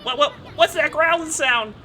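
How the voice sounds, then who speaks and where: A woman voicing a tiny, boastful male wandering artist in a video game, brash and quick. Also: high-pitched, sharp tone, a faint crowd, voice pushed up. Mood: startled.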